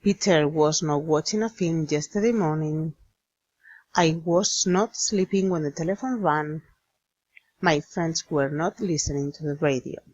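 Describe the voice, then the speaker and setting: A woman explaining an English grammar lesson in a slow, deliberate manner, spelling out letters. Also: low voice, darkish tone, no room sound, lo-fi sound. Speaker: English teacher.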